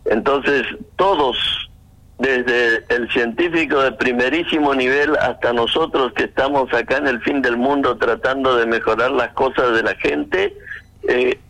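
A man with a bright, forceful voice, answering questions on a phone interview. He explains carefully and methodically, with frequent restarts. The sound comes through a phone line. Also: medium pitch. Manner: measured, explanatory, hesitant restarts.

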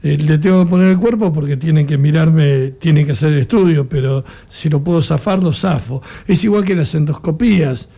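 A man's voice: fairly high pitch, a little fast, hardly any pauses, warm tone, husky. A man with an Argentine Spanish accent interviewing a guest on the radio, asking probing questions in a chatty, self-deprecating way.

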